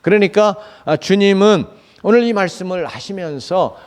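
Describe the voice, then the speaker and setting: A man's voice: high-pitched, moderate pace, a little mellow. A man pastor preaching a Sunday sermon, asking rhetorical questions and answering them himself, with frequent fillers. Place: church sanctuary.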